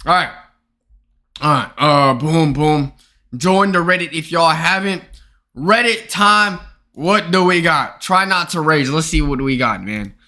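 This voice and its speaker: A man's voice: fairly high pitch, animated, measured pace, pushed and bright. A young man chatting casually and ramblingly with his viewers as a live streamer, talking into his streaming mic. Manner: rambling and slangy, calls viewers bro and y'all.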